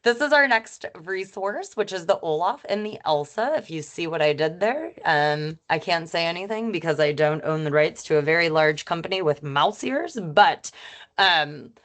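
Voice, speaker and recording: A woman presenting a webinar as a former teacher, talking quickly and informally with lots of fillers. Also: lowish voice, lively intonation, fairly bright tone. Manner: rapid, chatty, self-described auctioneer pace; friendly and informal, with frequent fillers.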